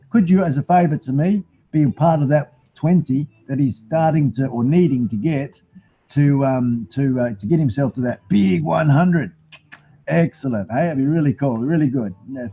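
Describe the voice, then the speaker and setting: A man's voice: fairly high pitch, dark tone, breathy edge, poor audio. A man with a broad New Zealand accent hosting a casual live stream, rambling and matey as he chats to viewers. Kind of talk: casual live chat, reading out viewer comments.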